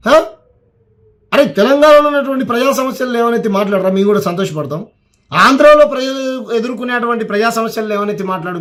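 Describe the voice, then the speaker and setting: High-pitched angry Telangana man ranting. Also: fairly bright tone. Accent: Telangana Telugu. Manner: heated, scolding, repeats words for emphasis. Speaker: political commentator. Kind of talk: angry political rant.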